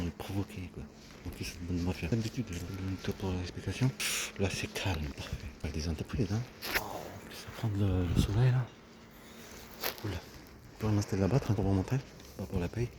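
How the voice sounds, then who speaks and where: A man vlogging outdoors on a phone, talking in an agitated, rambling way with many restarts. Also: on the low side. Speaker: vlogger seeking an internship. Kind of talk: casual vlog monologue. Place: outdoors in the street, looking for shade. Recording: loud outdoor street noise.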